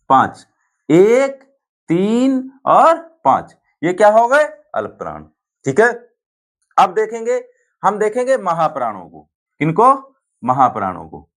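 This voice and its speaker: A male teacher giving a grammar lesson, often asking a question and then answering it himself. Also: sits high. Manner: repetitive, asks and answers his own questions.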